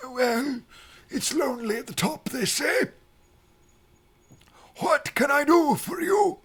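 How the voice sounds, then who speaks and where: A man voicing a frail, polite, very old man in a halting, genteel manner for a tabletop game. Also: extremely high pitch, animated, a bit bright, voice pushed up, exaggerated voice. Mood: mild, halting. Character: frail, doddering, polite very old male temple master. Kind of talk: tabletop role-play.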